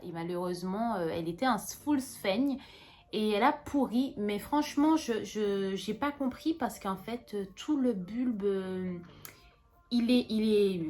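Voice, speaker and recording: A chatty young woman with a lilt talks through her houseplants in a relaxed vlog. She rambles, restarts her sentences and leans on fillers, at a middle pitch, with faint music in the background. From Martinique. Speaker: plant vlogger. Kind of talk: casual show-and-tell vlog.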